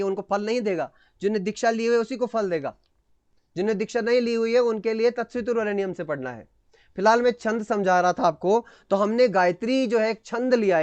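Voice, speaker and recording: A man's voice: high voice, no room sound, lo-fi sound. A man teaching an astrology class over a video call, explaining patiently, mixing in English terms and checking that students follow. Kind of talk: online class lecture.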